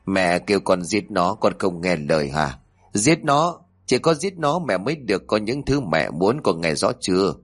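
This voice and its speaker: A man voicing a cruel, frantic woman in a horror story, shrill and sobbing. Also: sing-song, moderate pace, slightly rough, full character voice. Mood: vicious.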